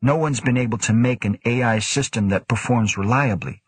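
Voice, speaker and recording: An earnest, puzzled male scientist who speaks in a hesitant, wondering voice, read by a man in his own husky tone. The recording is dry and close. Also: medium pitch, normal speed, dry recording, lightly acted. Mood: uncertain.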